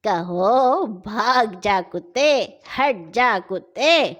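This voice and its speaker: An amused old man gives slow, gentle advice, as a woman narrator puts him on. He sounds kindly in a children's storybook telling. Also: mid-range voice, expressive, lightly acted.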